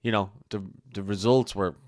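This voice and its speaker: A man's voice: fairly low pitch, fairly even intonation, moderate pace, a little mellow, dry recording, clean studio sound. A man hosting a football channel, giving emphatic opinion commentary to camera. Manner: opinionated, emphatic, building his argument.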